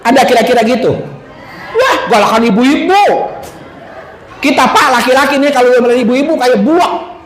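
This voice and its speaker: High-voiced joking preacher in an echoey mosque. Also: male voice, lively intonation, normal speed, long pauses. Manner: joking, teasing the audience with animal impressions. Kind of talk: humorous sermon to a congregation. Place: mosque hall. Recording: echoey mosque hall sound.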